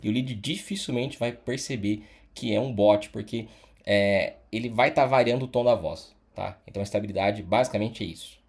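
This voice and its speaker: A man's voice: on the low side, normal speed, breathy edge. A man teaching an online course in a casual, explanatory way, often tagging sentences with "tá?" and "né?". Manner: casual, explanatory, frequent "tá?" and "né?" tags. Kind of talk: screen-recorded tutorial.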